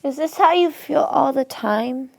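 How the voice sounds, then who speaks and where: A woman's voice: on the high side, unhurried, creaky, a bit bright, clean tone. An actress playing a melodramatic, overemotional female news co-anchor in a comedy sketch. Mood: despondent.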